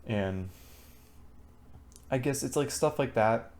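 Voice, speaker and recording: A man's voice: mid-range voice, slow pace, a little mellow, a little hiss or hum. A teenage boy talking to a camera for his diary vlog, rambling with many fillers and restarts. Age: teens. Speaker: student vlogger. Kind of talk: diary-style talk to camera.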